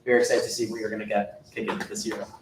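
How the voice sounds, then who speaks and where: A young man chairing a student meeting, moving briskly through the agenda with formal phrases. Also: on the low side, little pitch movement. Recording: echoey hall, far mic, faint noise.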